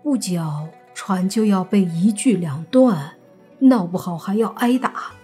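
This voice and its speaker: A woman's voice: mid-range voice, expressive, unhurried, warm tone, slightly rough, soft background music. Storybook boatman: woman playing a timid, cautious man. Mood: worried. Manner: worried, cautious. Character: timid, anxious male boatman.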